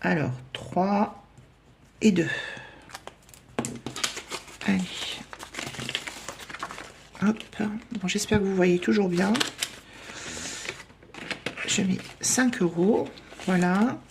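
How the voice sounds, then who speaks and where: A woman talks through her savings challenges in a relaxed, chatty way. She hesitates often, pokes fun at herself, and counts coins out loud at a mid pitch. A steady hiss sits under the recording. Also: extremely slow, long pauses. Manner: chatty, self-deprecating, lots of hesitations and counting aloud. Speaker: budget vlogger. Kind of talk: casual chat while doing savings challenges.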